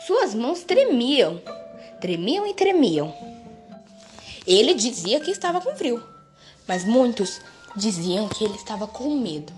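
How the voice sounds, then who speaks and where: A woman reading a story aloud in a measured, expressive way, with a few small restarts. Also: fairly high pitch. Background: faint music.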